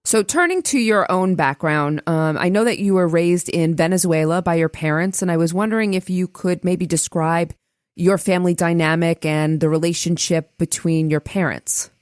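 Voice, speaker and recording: A woman hosting a podcast, asking measured, polite interview questions. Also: fairly low pitch, a little mellow, no room sound, clean studio sound. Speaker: podcast host.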